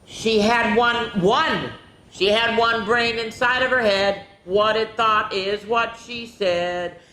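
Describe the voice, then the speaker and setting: A woman hosts a children's story time, reading picture books aloud in a sing-song style, drawing out rhymed words and adding chatty, exclamatory asides. Her delivery is slow with fairly even intonation and a sharp tone. The room is echoey, with a rumble of background noise.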